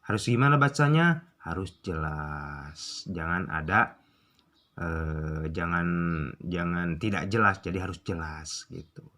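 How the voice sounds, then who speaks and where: A young man with a Sundanese accent gives a casual tutorial on Quran recitation rules, stretching out examples slowly and asking and answering his own questions. His voice is low, animated, and sharp in tone.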